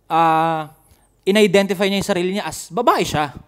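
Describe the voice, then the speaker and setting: A man's voice: sits high, moderate pace, clean tone. A man co-hosting a casual podcast, blunt and swearing as he fires off rhetorical questions. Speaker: podcast co-host.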